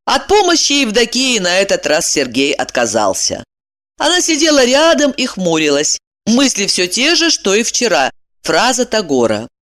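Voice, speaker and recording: A woman narrating a novel aloud, reading with lively, strongly varied intonation. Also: medium pitch, moderate pace. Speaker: audiobook narrator.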